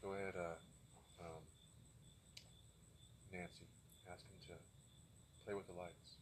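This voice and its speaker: A man's voice: deep voice, flat delivery, slow. A man hosting a live ghost investigation outdoors, commenting casually to viewers and companions. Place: outdoors on benches at night. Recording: noisy night outdoors, insects chirping.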